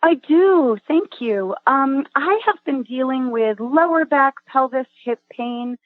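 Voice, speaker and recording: A woman's voice: high-pitched, expressive, takes it slowly, dry recording. A woman in her forties from Massachusetts, calling in by phone to a call-in show, chatty and youthful-sounding. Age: 40s. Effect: phone-line caller on a radio-style call-in show. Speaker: caller. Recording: tinny phone line, dry.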